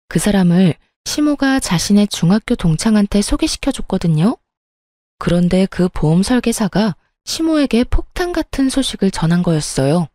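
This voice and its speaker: Woman narrator for a true-story reading: calm, confiding, with a warm tone and a dry sound. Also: medium pitch, dry recording. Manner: calm, confiding first-person telling.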